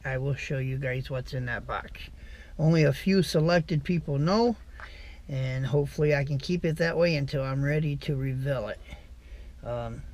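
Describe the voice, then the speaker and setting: A middle-aged American man with a medium-pitched voice, a trucker who vlogs, chats casually and easily about his day. He films himself on a close camera mic, first in his parked vehicle and then outdoors on the porch of his home.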